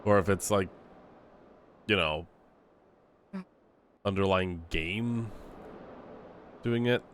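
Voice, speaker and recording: A man's voice: sits low, very slow, a bit bright, slight background noise. A man giving casual let's play commentary in a wry, grumbling manner, sometimes swearing. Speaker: gaming video host.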